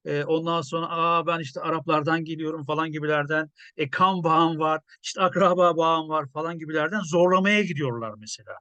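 Man, journalist commentary, slightly high voice, dry close sound, hesitant and musing. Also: a bit bright, no echo. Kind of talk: casual video commentary.

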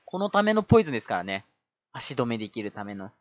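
Excitable man doing game commentary. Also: medium pitch, fast, no room sound, highs cut off. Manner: excitable, yelling at the game during tense moments; self-mocking asides. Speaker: gameplay commentator.

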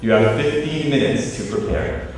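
A man making formal competition announcements in a slow, measured way in a large auditorium. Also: medium pitch, a little mellow, recorded from a distance. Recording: echoey hall from afar.

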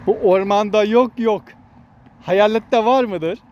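Outdoors amid traffic hum, a man hosts a relaxed walking vlog, explaining things like a father to his child and to his viewers. His voice is high, slow and a little mellow, with the highs cut off in this noisy recording.

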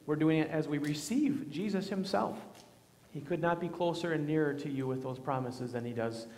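Pastor in a cathedral echo. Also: male voice, on the high side, moderate pace, a little mellow. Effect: cathedral echo, long church reverb. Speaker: pastor leading worship. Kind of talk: liturgical prayer and communion address. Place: large church sanctuary. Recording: long reverb of a large church hall.

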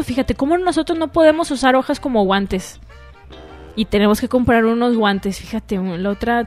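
With faint music in the background, a young Mexican-accented woman runs a laid-back solo radio show. Her voice is on the high side with a darkish tone, and her chatty talk is packed with slang and curse words.

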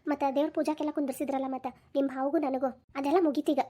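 A woman's voice: sits high, flat delivery, rapid-fire, warm tone, lightly acted. A woman voicing a homesick, weepy young pregnant wife, in a Dharwad Kannada accent. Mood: worried. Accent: North Karnataka (Dharwad) Kannada. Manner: weepy, plaintive.

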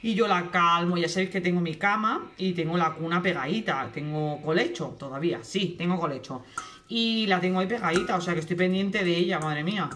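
A young woman vlogging casually from her home kitchen, talking quickly and cutting herself off mid-sentence. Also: on the low side, a bit bright, slight background noise. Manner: fast, chatty, self-interrupting. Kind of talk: casual kitchen vlog chat. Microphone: camera on tripod.

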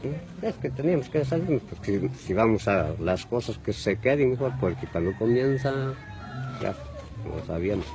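A middle-aged man from Peru, a local resident, answering a reporter's questions outdoors in halting, fragmented speech into a handheld mic. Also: fairly low pitch, animated, rough recording. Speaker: affected resident. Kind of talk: interview answers. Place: outdoors among ruined houses.

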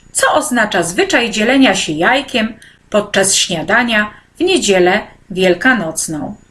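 Slow, patient woman teacher talking children through a lesson. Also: medium pitch, fairly bright tone. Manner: slow and patient, with frequent hesitant "e" fillers; speaks directly to children, encouraging. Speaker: primary school teacher. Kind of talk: guiding children through an online e-textbook.

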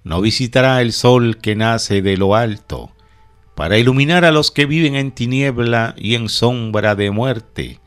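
Male prayer leader, mid-range voice, unhurried, solemn liturgical recitation in measured phrases. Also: mid-range voice, a bit bright, smooth.

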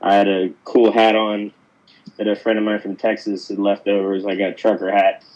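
Low-ish guy from pittsburgh rambling through a story, uh and you know everywhere, kinda dull muffled audio. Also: little pitch movement, a little fast, a little mellow. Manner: rambling, lots of fillers and restarts. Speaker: actor guest. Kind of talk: casual interview storytelling.

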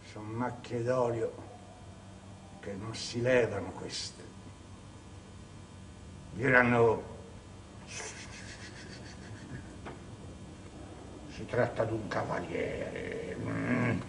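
A bitter, wronged clerk on stage. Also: male voice, lowish voice, steady tone, very slow, creaky, pauses often, noisy background, full character voice. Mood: grim. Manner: theatrical, swings from hushed bitterness to shouting. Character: proud wronged middle-aged male clerk Ciampa, bitter and cunning. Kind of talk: stage acting. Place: theatre stage. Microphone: distant room mic. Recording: distant echoey stage recording.

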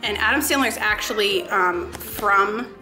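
In her home kitchen, a New Hampshire cooking channel host in her thirties narrates a casual vlog, talking cheerfully and chattily to viewers as she cooks. She speaks unhurriedly at a medium pitch, over background music in a roomy-sounding space.

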